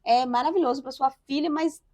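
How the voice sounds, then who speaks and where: A woman's voice: high voice, brisk, darkish tone. A woman hosting an interview, encouraging her guest and speaking to the audience directly. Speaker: interview host. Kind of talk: conversational interview.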